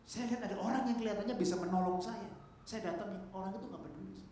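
A man preaches to his congregation, rising to loud emphatic peaks and dropping to quiet asides. His voice sits somewhat high and rings through a very echoey church hall over a faint hum of background noise. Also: very fast. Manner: swings between loud emphatic peaks and quiet asides, mixes English words. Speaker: pastor. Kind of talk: sermon.

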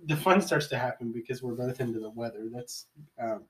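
A man's voice: medium pitch, a little fast, distant mic, poor audio. A young man co-hosting a podcast, telling stories in a laid-back, joking way. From Ohio, US. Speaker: podcast co-host. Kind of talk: casual storytelling chat.

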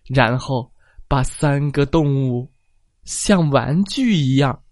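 A storyteller reading a children's story aloud, slow and expressive, adding sound effects. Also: medium pitch, dry recording, clean studio sound.

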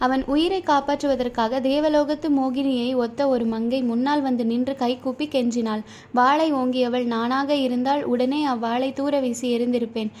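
A woman's voice: sits high, fairly even intonation, moderate pace, a little mellow. A woman voicing an earnest, respectful young male warrior in a storybook reading. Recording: dull lo-fi recording.

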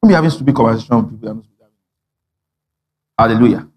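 A man's voice: mid-range voice, very fast. A man preaching a sermon, telling stories with acted-out dialogue and frequent laughter. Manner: animated storytelling, acting out dialogue, frequent laughter. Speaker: pastor.

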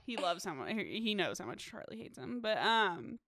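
A woman's voice: mid-range voice, very animated, normal speed, fairly bright tone. A woman co-hosting a podcast, recapping a film in casual chat, swearing and filling with "um" and "like". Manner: swearing, filler-heavy, recapping scenes. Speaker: podcast co-host.

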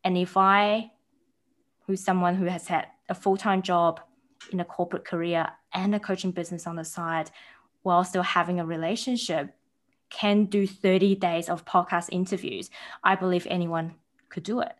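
A woman in her thirties from Taiwan with an Australian-tinged accent, chatting as a podcast guest in a bubbly, animated way. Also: lowish voice, moderate pace. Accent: New Zealand and Australian. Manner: bubbly and animated, acting out quoted voices. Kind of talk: casual interview chat.

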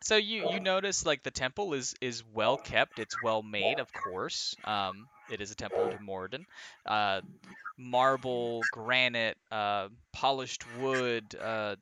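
A man narrating as game master of a tabletop game, halting, with many restarts and laughs. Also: mid-range voice, noisy background.

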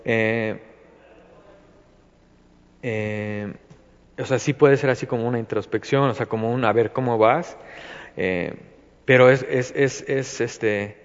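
A man's voice: mid-range voice, slow, pauses often. A man with a Mexican accent giving an informal Bible study talk, rambling through many fillers and restarts. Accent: Mexican Spanish. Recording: dull, reverberant recording.

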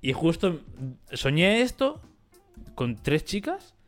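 A man's voice: fairly high pitch, wildly swooping pitch, slow pace, faint music behind. A man co-hosting a casual podcast chat, telling a story with lots of fillers and slang. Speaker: podcast co-host.

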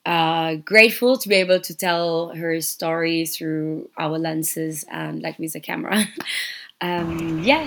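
A young woman from Senegal, a guest artist in an interview, speaking thoughtfully with frequent pauses and fillers. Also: on the low side, vocal fry, a bit bright. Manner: thoughtful, many fillers and restarts. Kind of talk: casual interview.

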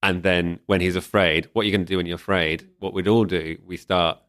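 A man's voice: low voice, level tone, brisk, fairly bright tone, no room sound, clean studio sound. A man in casual podcast conversation, thoughtfully picking apart a film's themes with frequent restarts. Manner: thoughtful, analytical, many restarts. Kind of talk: casual film discussion.

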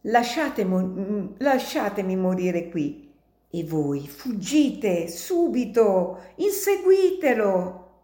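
A woman's voice: mid-range voice, very animated, takes it slowly, dark tone, pitched above the performer's own voice. A woman voicing a wounded old male American miner who gasps and pleads in strained gasps, read aloud as a storybook in a roomy space. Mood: dying, pleading.

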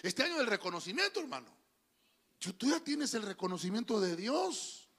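A male preacher, his voice high and swinging widely in pitch as he delivers an animated, folksy sermon. The tone is bright and edgy, with a gravelly crackle running through it. He keeps addressing the congregation directly as "brother". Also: moderate pace, in a large hall. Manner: animated and folksy, often calls listeners "brother". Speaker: pastor. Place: church before a congregation.

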